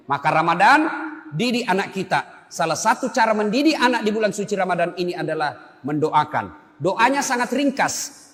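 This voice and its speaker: High-pitched preacher in an echoing hall. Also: male voice. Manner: animated storyteller, addressing the congregation directly. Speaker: preacher (ustadz). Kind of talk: Ramadan sermon to a congregation. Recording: echoey hall with long reverb.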